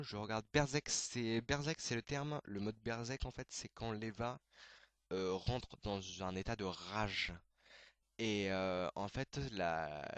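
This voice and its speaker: A man hosting a casual anime video, explaining terms in a hesitant way, full of fillers and quick self-corrections. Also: lowish voice, a bit bright, clear, resonant tone, no room sound.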